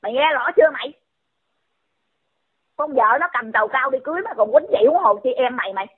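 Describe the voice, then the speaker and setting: A woman's voice: sits high, expressive, quick pace, husky. A woman, scolding someone in a heated rant and firing off repeated insulting questions. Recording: tinny phone-line audio.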